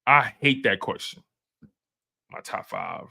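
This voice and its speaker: A man in his twenties hosts a sports show live stream, chatting with viewers in a relaxed, slangy way, often repeating himself and restarting sentences. His voice is fairly low, slow, and gravelly.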